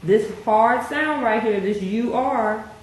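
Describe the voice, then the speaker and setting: A woman tutoring a child in reading, asking patient questions and praising often. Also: a little high. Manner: patient, encouraging, slow questioning prompts. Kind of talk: one-on-one phonics tutoring. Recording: very echoey room, faint noise.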